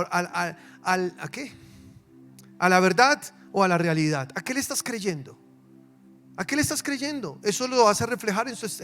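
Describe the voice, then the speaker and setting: A man, a pastor preaching a lively sermon in church, swinging between loud emphasis and soft asides. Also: sits high. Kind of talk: lively sermon with acted-out quotes.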